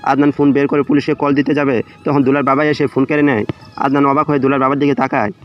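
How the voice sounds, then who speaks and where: Man, romantic story narration, dramatic, flat pitch movement, muffled lo-fi sound, background music. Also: fast talker. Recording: dull lo-fi audio under music.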